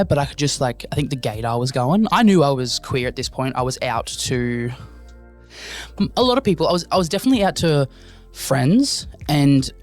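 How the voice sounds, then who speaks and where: A man's voice: medium pitch, creaky. Rambling, jokey young man. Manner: rambling, jokey and self-mocking, talks straight to listeners. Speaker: podcast host. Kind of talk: casual solo podcast chat.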